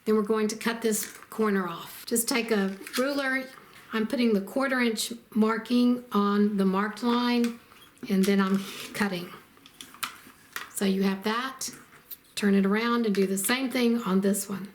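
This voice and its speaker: A woman narrating a step-by-step quilting tutorial as the instructor, in a calm and methodical way. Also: mid-range voice, unhurried, a little hiss or hum. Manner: calm, methodical, explains each step plainly.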